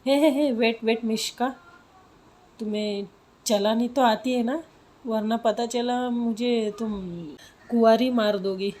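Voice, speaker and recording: A woman voicing a teasing, cautious teenage girl who talks in a quick, animated way. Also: medium pitch, natural voice.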